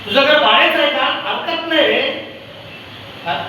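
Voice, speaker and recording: A high, bright male voice preaches through a PA system in a church hall, with heavy echo and a distant feel. He repeats lines and throws questions at the congregation. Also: lively intonation, normal speed, a little hiss or hum. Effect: over a PA system. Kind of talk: sermon. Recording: echoey hall PA sound from afar.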